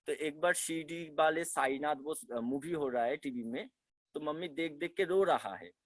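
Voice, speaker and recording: A young devotee from West Bengal, India, shares his experiences in a fairly high voice at normal speed, recorded close and dry with no room sound. His telling is earnest and emotional, full of stumbles, restarts and repeated phrases. It comes across as heartfelt personal testimony.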